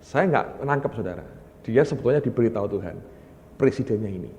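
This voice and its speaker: Animated preacher man in a reverberant hall. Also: mid-range voice, fairly quick. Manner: animated storytelling, often calling the congregation "brothers". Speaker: pastor. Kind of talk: sermon.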